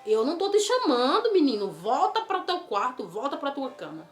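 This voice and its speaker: A woman voicing an old male priest, woken from sleep, gruff and dismissive, in a storybook telling. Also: high-pitched, sing-song, a little fast, voice pushed up. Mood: grumpy. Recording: roomy with faint music.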